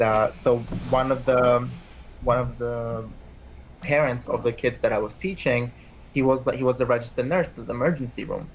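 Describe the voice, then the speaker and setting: A man's voice: mid-range voice, a little hiss or hum, rough recording. Twentysomething man, rambling and chatty. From Armenia. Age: 20s. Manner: rambling, heavy use of "like" and restarts. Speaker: interview guest, PA school applicant. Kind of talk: casual interview chat.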